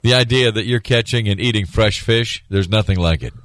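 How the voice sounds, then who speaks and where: Man, radio host, friendly banter, low pitch, dry studio. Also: a little fast, fairly bright tone, no echo.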